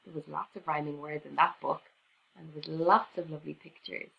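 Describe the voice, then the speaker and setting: A woman reading a rhyming picture book aloud to children in an expressive, sing-song teacher's way. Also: sits low, a little fast, vocal fry, highs cut off.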